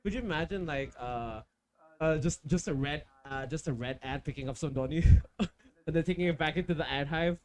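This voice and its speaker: Man, podcast host, casual rambling chat, slightly high voice. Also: normal speed. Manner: rambling, full of restarts.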